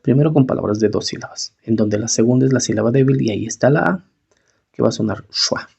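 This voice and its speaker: A man teaching English pronunciation, slowly repeating each word several times. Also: medium pitch, creaky, a little mellow, husky. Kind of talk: pronunciation lesson. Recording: dull, lo-fi recording.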